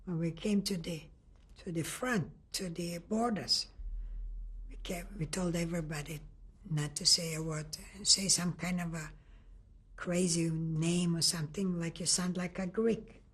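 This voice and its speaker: An older Lithuanian woman gives oral history testimony as an interviewee, speaking haltingly and often restarting while she searches for words. Her voice is lowish, husky and steady in tone.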